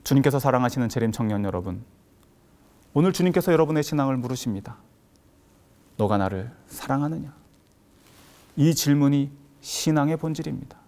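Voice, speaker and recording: A man preaching an earnest sermon as a pastor, swinging between loud emphatic lines and hushed quiet ones, with playful asides. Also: mid-range voice, fast. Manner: playful asides in spoken regional dialects.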